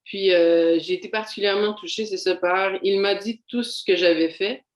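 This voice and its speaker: Giving a personal faith testimony in a video seminar, this young Québécois doctoral student speaks candidly and reflectively, halting frequently with fillers as she hunts for words. Her medium-pitched voice stays steady, and the recording is reverberant.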